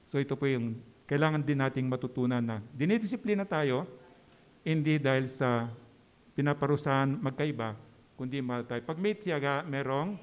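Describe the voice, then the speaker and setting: A man preaching as a pastor in a church, conversational and joking, often checking in with the congregation. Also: a little high. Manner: conversational, keeps asking the congregation "di ba?"; joking with the audience. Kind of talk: sermon. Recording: long church hall reverb.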